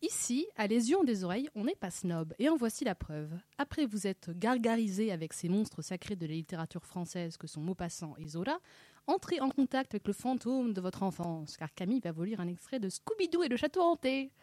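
A woman's voice: mid-range voice, very animated, a little mellow, dry recording. Wry woman hosting a reading show. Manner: wry, measured introductions. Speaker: host. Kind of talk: scripted radio presentation.

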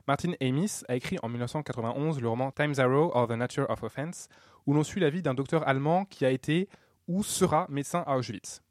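A male radio host reading his scripted links fast and with a wry, teasing edge. His voice sounds close and dry. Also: medium pitch, darkish tone, no room sound. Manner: wry, joking.

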